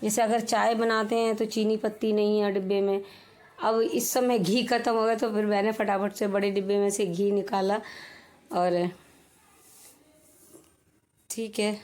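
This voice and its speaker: A woman's voice: medium pitch, darkish tone. Chatty Hindi-speaking home vlogger woman. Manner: chatty, homely, explains while working. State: slightly sore throat. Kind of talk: casual voice-over narration.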